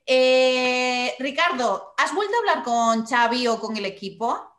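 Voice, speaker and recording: A woman's voice: high-pitched, animated, measured pace, a bit bright. Probing woman interviewer, roomy sound. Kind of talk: interview questions.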